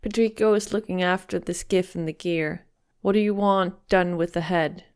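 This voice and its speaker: A man voicing a gentle, devoted fisherman boy. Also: high-pitched, steady tone, clean tone, voice pushed up. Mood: earnest. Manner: soft, slowed, raised boyish voice. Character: young fisherman boy, loyal and tender. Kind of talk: audiobook character voice.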